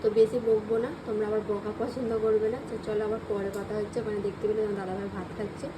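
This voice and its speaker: A woman with a West Bengal Bengali accent talking quietly and casually to her viewers so as not to wake her sleeping child. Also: mid-range voice, little pitch movement, racing, noisy background. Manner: speaks softly so the baby keeps sleeping. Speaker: vlogger. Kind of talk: hushed casual vlog talk.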